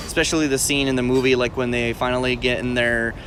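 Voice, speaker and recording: A man's voice: medium pitch, flat delivery, quick pace, fairly bright tone, a little hiss or hum. A man in his early twenties hosting a podcast, loose and chatty with lots of fillers. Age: 20s. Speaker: podcast host. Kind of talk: casual interview chat.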